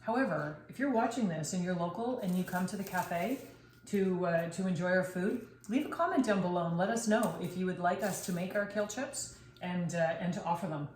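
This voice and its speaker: A woman's voice: lowish voice, brisk, a little mellow. Gushing woman in an echoey kitchen. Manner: enthusiastic, gushing. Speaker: cafe owner and cooking video host. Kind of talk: casual cooking vlog. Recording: echoey room, faint noise.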